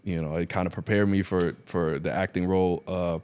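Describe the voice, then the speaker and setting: A man with a fairly low voice chats as a podcast guest. He tells stories in a loose, slangy way and acts out what people said. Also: a little fast, clear, resonant tone. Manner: slangy, animated quoting of himself and others. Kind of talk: casual conversational storytelling.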